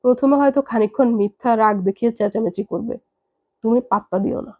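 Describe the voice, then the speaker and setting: A woman voicing a calm young adult daughter who reasons patiently with her parents. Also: on the high side, fairly quick, lightly acted. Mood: patient, reasoning.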